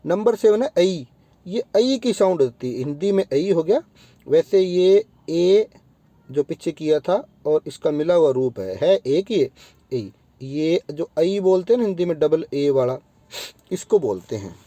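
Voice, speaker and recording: A man teaching phonetics at an unhurried, deliberate pace, spelling out and repeating example words for his students. His voice is very dark and mellow and sits slightly high for a man. The recording is dry and close, with no room sound. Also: expressive, no room sound. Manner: addresses students directly, often checks in with "ठीक है". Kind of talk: phonetics lesson.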